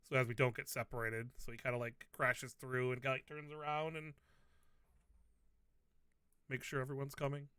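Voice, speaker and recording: A man playing a tabletop game, calmly describing his character's actions with a frequent "kinda". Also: mid-range voice, moderate pace, long pauses, clean tone, no room sound, studio quality. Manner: relaxed, lots of "kinda". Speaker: player.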